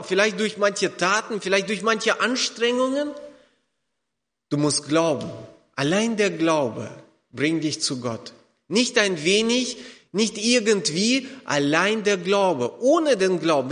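A man with a high voice preaches a sermon in a church hall. He stresses and repeats key words and acts out the doubts of his listeners. A long reverb trails after his words. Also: fairly bright tone.

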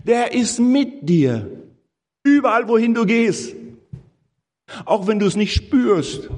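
A man delivers a sermon with a lively, swinging pitch, his voice a little husky. He leans hard into key phrases and speaks directly to his listeners. A long hall reverb trails behind each phrase. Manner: lively, emphatic preaching that rises on key phrases; addresses listeners as "ihr Lieben". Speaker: preacher.

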